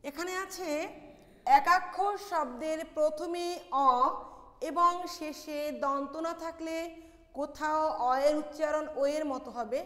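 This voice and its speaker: A woman's voice: high-pitched, steady tone, unhurried. A woman from Bangladesh teaching a college lesson on pronunciation, explaining step by step and answering her own questions. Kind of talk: classroom lecture on pronunciation. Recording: echoey hall with long reverb.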